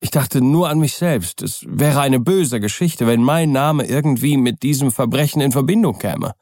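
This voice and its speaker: A man's voice: normal speed, a little mellow, dry recording, studio quality, natural voice. A man reading an audiobook, voicing a frightened, nervous middle-aged doctor in an agitated, pleading tone. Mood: anxious. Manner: agitated, pleading, higher-pitched.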